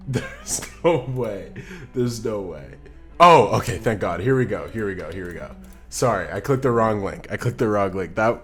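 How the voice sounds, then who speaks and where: A man with a fairly low voice chats on a live stream in a loose, rambling way. He reads viewer messages out loud and answers them off the cuff. Soft music plays faintly behind him. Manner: rambling, chatty, reacts to chat and laughs often. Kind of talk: casual live-stream chat.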